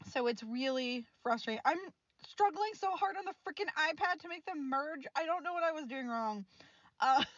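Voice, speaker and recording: A woman's voice: sits high, no room sound, muffled recording. A woman in her twenties, an art student, rambling frankly over her art footage in a casual, mildly exasperated voice-over and laughing often. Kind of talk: casual chatty voice-over vlog.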